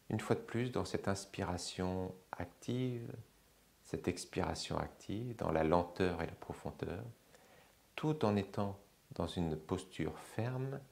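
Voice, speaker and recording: A man teaching yoga, calmly guiding a slow breathing exercise with long pauses. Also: low-pitched, vocal fry. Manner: slow, calm, measured guidance with long pauses. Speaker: yoga instructor.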